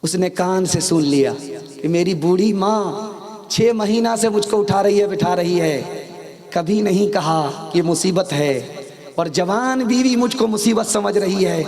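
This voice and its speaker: A man's voice: high-pitched, measured pace. A man preaching a sermon, telling stories and acting out the quotes of the people in them. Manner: storytelling with acted quotes. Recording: hall reverb, crowd audible.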